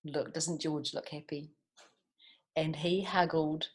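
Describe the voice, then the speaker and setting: A children's storytime host with a low voice takes things slowly, keeping her intonation fairly even. She reads animatedly and chats with the young listeners, asking questions and offering asides.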